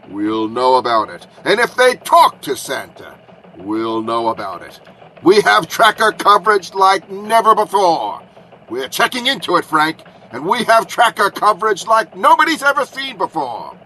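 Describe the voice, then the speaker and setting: A man's voice: sits high, sharp tone, a little hiss or hum, exaggerated voice, low-quality recording. A man playing an eager, self-assured Christmas elf reporter in a scripted mock radio news report, speaking emphatically. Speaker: elf reporter at flight command.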